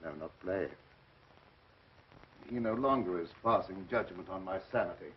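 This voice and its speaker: An actor playing a grandiose, resentful mad scientist in an old horror film, speaking formally and theatrically with menacing politeness. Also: male voice, sits low, normal speed, slight background noise, close to an everyday voice. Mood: scornful, menacing. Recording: muffled old film soundtrack.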